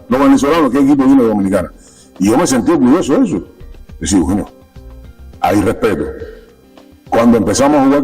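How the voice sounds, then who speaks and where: A man's voice: mid-range voice, darkish tone, breathy edge, far from the mic, poor audio. A Cuban-born man in a conversational interview, speaking as a sports official. He talks emphatically and circles back to repeat his key points. His mid-range voice sits a little away from the mic, with faint music underneath. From Cuba.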